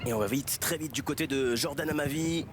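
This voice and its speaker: A man giving excited, animated football commentary as a match commentator. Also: a little high, fairly quick. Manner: animated, swelling into shouts on chances and goals. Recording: outdoor stadium, loud crowd behind. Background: loud crowd noise.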